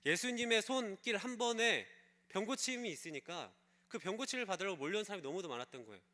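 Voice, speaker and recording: A man's voice: high voice, lively intonation, fast talker, pushed and bright. A male pastor preaching a sermon, telling a story and putting questions to the congregation. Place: church service.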